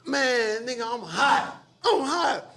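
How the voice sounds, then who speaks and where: A man telling a story in casual talk, profane and animated, repeating "you know what I'm saying". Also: very high-pitched, takes it slowly. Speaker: storyteller guest.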